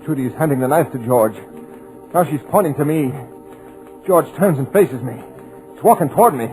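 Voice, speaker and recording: Acting lightly in an old 1940s radio drama, a man takes the role of a hypnotized writer, describing his helpless terror in urgent, breathless inner narration. His voice is a little high and dark-toned, expressive and at a moderate pace, and the mood is desperate. Music plays behind him on the poor-quality audio.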